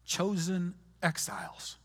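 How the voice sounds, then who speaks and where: Taking things slowly, a man with a high voice and wide pitch swings preaches as a pastor in a chatty manner, often restarting what he says. Long hall reverb fills the recording from the large space.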